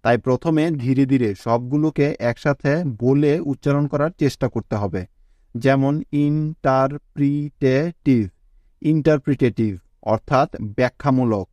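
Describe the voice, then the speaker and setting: Slow, deliberate man teaching pronunciation. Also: mid-range voice, a little mellow, no echo, lo-fi sound. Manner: slow, deliberate spelling out of letters and syllables. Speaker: English teacher. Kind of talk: scripted spoken lesson.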